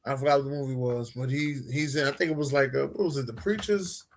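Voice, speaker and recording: A man co-hosting a podcast in casual chat, laid-back and slangy, telling animated stories. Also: mid-range voice, fast, very noisy. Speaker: podcast co-host.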